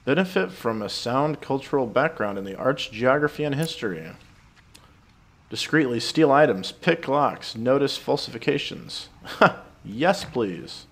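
A man giving casual game commentary, relaxed and thinking aloud. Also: mid-range voice, a little slow. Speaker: let's play gamer.

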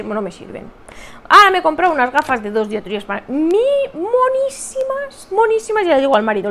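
A middle-aged woman from Spain, a crochet channel host with a Spanish accent, rambling cheerfully in a casual live chat and reading viewers' comments aloud. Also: a little high. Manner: chatty, rambling, self-mocking, reads viewer comments aloud.

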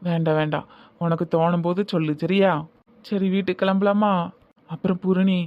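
A man's voice: sits high, monotone, moderate pace, phone-quality sound, close to an everyday voice. A man voicing an earnest, eager young groom who coaxes and repeats small requests, with a Tirunelveli accent, for a comedy cartoon. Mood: coaxing. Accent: Tirunelveli Tamil. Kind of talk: cartoon voice acting.

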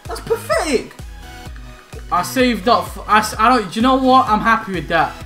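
Sitting high and very animated, the young man's voice runs at normal speed through hyped pack-opening commentary. He's a gaming YouTuber shouting, laughing and bantering in slang from a small indoor home room, faint music playing behind.

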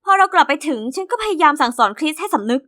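A woman narrating as a cheeky teenage orphan girl in an animated diary story. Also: high-pitched, racing. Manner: lively, cheeky first-person storytelling.

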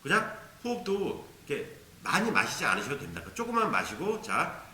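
A man's voice: fairly high pitch, wildly swooping pitch, brisk, pushed and bright, roomy sound, slight background noise. A man teaching a beginner ocarina lesson, patiently explaining and demonstrating tonguing syllables aloud. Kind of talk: instructional video lesson.

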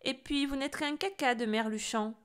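A woman playing a little boy who is brave and full of mischief. His voice is high and lively, and he taunts the witch with a teasing edge. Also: normal speed, smooth, close to an everyday voice. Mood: cheeky. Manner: bright, raised child's voice, teasing.

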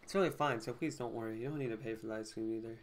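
A man reading the lines of a pale, tired, bullied teenage girl in his own quiet, subdued voice. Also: mid-range voice, rapid-fire, noisy background, close to an everyday voice. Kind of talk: reading game dialogue aloud.

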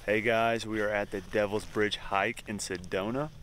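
A man's voice: lowish voice, little pitch movement, normal speed, very noisy. A young man chatting casually for a travel vlog while hiking outdoors, a little out of breath. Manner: upbeat, talking while hiking. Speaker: vlogger. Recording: faint outdoor ambience.

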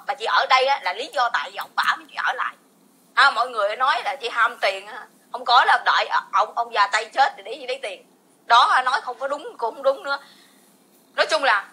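A woman's voice: high-pitched, pushed and bright, husky. A woman in her forties with a Southern Vietnamese accent, ranting in a heated, rambling, repetitive vlog with bursts of laughter. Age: 40s. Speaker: vlogger. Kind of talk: heated casual rant.

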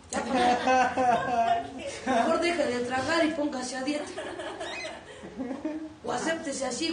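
A woman with a Mexican accent giving a blunt, profane testimony as a recovery group sponsor, often breaking into shouts. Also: sits high. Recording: echoey room, distant mic, faint noise.

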